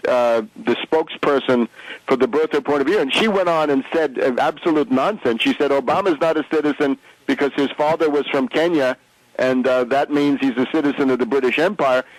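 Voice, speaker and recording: A man hosting a radio interview, speaking in a measured way with fillers. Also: medium pitch, no echo, rough recording. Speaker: radio host.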